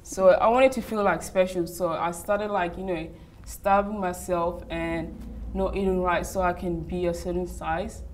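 Chatty young woman, low voice. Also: fairly even intonation, unhurried, darkish tone, slight background noise. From Uganda, raised in Australia. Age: young adult. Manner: chatty, many "like" and "you know" fillers. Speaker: interview guest, model. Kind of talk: casual interview answers. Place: hotel lounge, indoors.

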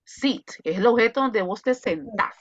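A woman English teacher giving an online pronunciation class, slowly drilling and repeating words over a video call. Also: fairly high pitch, expressive, no room sound, dull audio.

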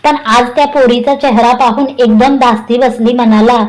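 A woman's voice: a little high, steady tone, normal speed, a little mellow, natural voice, rough recording. A woman voicing a grieving, worried older mother who talks in a sorrowful, confiding way.

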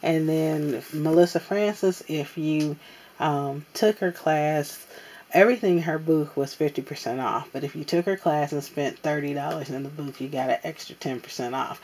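A woman casually showing off her craft supply haul at a table, talking in an unhurried way with many ums and pauses. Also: low-pitched, a little mellow, husky. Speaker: crafting vlogger. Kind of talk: casual haul show-and-tell. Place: indoors at a tabletop.

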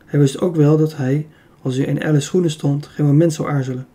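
A man narrating a children's adventure audiobook in a steady, even reading. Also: on the high side, brisk. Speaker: audiobook reader. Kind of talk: storybook narration.

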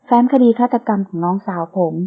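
A woman's voice: quick pace, natural voice. A woman reading the part of a confident, possessive young male sheikh in an audiobook novel, speaking firmly and teasingly. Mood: stern. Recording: tinny phone-like sound.

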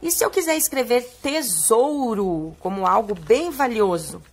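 A young adult woman teacher with a Brazilian Portuguese accent reads a poem to young children, explaining words and slowly stretching the important ones in a sing-song style. She sounds animated and husky, with a voice on the high side.

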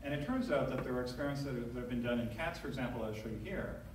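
A man's voice: mid-range voice, animated, racing, noisy background. Man lecturing in an echoey hall, far off. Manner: conversational storytelling, frequent "uh" and "you know". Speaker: neurosurgeon giving a lecture. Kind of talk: conference talk. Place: large lecture hall, at a lectern. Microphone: audience camera from far back.

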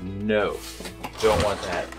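A man's voice: fairly low pitch, little pitch movement, slow pace, over loud music. Chatty man vlogging from his boat. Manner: chatty, talks to viewers while working with his hands. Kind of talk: casual vlog talk. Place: aboard a catamaran, partly in a small cabin.

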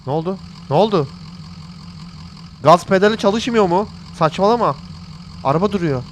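A man's voice: high voice, expressive, normal speed, noisy background. A man commentating a horror game in a jokey way, reading its lines aloud and yelping when startled. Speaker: gaming channel host. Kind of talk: let's play commentary.

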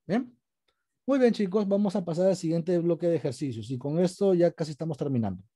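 A man's voice: fairly high pitch, lively intonation, fairly quick, dark tone, breathy edge. A male teacher, patiently taking an online class through an exercise step by step and quizzing his students. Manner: patient, explains step by step, asks students questions. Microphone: video call.

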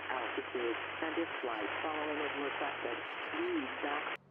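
A man's voice: fairly high pitch, huge pitch swings, measured pace, vocal fry. A man reading an airport weather broadcast over aircraft radio, clipped and formal, reciting figures one after another. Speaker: automated airport information broadcast. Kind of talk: formal recorded aviation announcement. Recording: muffled radio with faint static.

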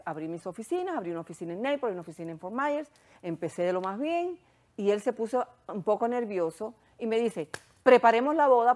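A woman with a Hungarian accent, a sexologist guest recounting her story in animated, casual chat. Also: medium pitch.

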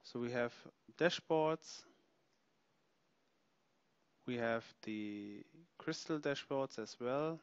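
A man narrating a software product demonstration, explaining features step by step as he clicks through them. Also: mid-range voice, very slow, long pauses, clear, resonant tone, no room sound, highs cut off. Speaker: software demo presenter.

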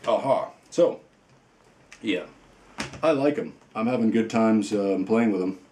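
Rambling low-voiced man in a roomy space. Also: unhurried, warm tone, slight background noise. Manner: rambling and playful, many fillers. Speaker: toy reviewer. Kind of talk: casual unboxing chat.

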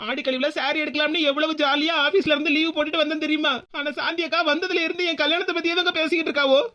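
A woman voicing a stubborn young bride-to-be in an animated cartoon, speaking with a Tirunelveli Tamil accent in rapid, protesting bursts. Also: high voice, dull audio. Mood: tearful.

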